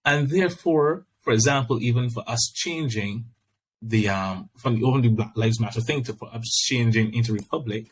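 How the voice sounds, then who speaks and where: A man with a Barbadian accent talking conversationally on a podcast, explaining and arguing his points in a measured way. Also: medium pitch, slight background noise, poor audio. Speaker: podcast speaker. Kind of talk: conversational discussion.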